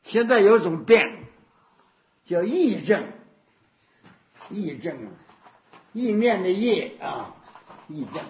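Buddhist teacher, male, animated and higher-pitched delivery, anecdotal sermon style, lo-fi recording. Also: takes it slowly, pauses often. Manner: anecdotal, repetitive, rhetorical questions. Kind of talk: dharma talk. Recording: dull lo-fi recording.

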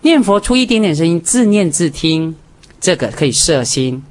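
Man, Buddhist teacher giving a dharma talk, lively swooping intonation, emphatic and direct with the audience. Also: on the high side, normal speed. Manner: animated and emphatic, counting off points, talking straight to listeners.

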